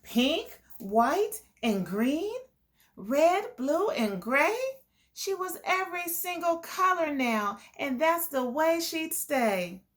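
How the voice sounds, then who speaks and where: Addressing young listeners as host, a woman tells a children's story in an expressive, deliberate manner. Her voice is high.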